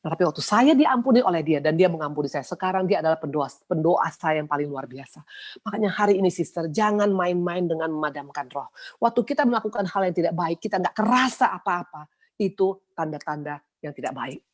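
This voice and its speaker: A woman's voice: fairly low pitch, expressive, a little fast. A middle-aged woman pastor with an Indonesian accent, preaching a sermon in colloquial, emotional storytelling.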